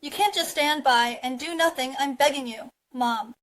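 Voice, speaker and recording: A woman's voice: sits high, normal speed, fairly bright tone, poor audio. A woman playing an anxious mother begging for help for her daughter in a dubbed drama. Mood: desperate. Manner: pleading, anxious.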